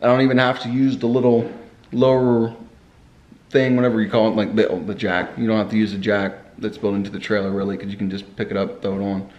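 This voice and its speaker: A man's voice: fairly low pitch, flat delivery, fast talker, darkish tone, dull audio. A young man chatting casually as a car vlogger, talking with braces that give him a slight lisp. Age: young adult. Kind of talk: casual rambling vlog chat. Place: indoors in a home kitchen. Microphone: camera at arm's length or on the table.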